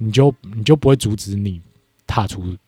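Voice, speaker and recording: A young man talking in a casual podcast chat, reflective and animated when he retells conversations. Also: on the low side, moderate pace, breathy edge, no room sound. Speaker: podcast co-host.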